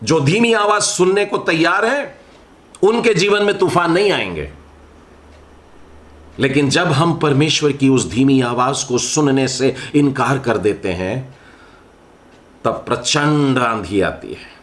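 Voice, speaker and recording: Slow, deliberate Hindi-speaking preacher man. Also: mid-range voice, animated, fairly bright tone. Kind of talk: sermon.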